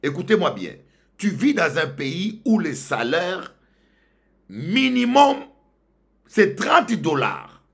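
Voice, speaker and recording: A male pastor from Congo, preaching a sermon that swings from loud outbursts to low murmurs. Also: sing-song, takes it slowly, vocal fry, pauses often.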